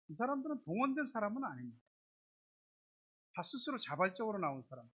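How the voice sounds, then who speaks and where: A man's voice: high-pitched, fairly bright tone, slightly rough, rough recording. A male pastor giving a Sunday sermon in a chatty, conversational way, often piling up filler words. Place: church sanctuary.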